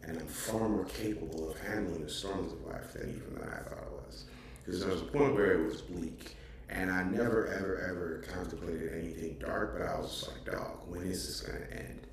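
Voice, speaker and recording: Deep, gravelly and animated, this thirty-something podcast co-host speaks at a moderate pace far from the mic. His casual talk is earnest and reflective and full of filler words, captured in an echoey, off-mic recording with faint noise.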